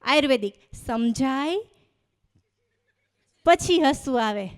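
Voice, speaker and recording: A high-voiced woman with a Gujarati accent performs comic stories before a live audience. She tells them in a lively way and voices the people in them. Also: slow pace, smooth. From Gujarat, India. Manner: lively storytelling with voiced dialogue. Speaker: stand-up comedian. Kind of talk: live comedy storytelling.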